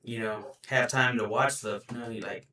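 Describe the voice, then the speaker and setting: A man's voice: mid-range voice, fairly even intonation, moderate pace, sharp tone, far from the mic, slight background noise. Laid-back man podcasting in a roomy space. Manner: laid-back, rambling, lots of "you know". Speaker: podcast co-host. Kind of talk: casual chat. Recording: roomy, a bit off-mic.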